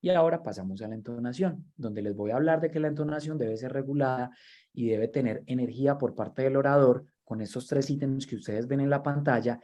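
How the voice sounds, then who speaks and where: A man's voice: mid-range voice, a little fast, dark tone, lo-fi sound. Man in his thirties lecturing. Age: 30s. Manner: conversational, repeats words while searching for them. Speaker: university lecturer and workshop trainer. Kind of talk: online training lecture.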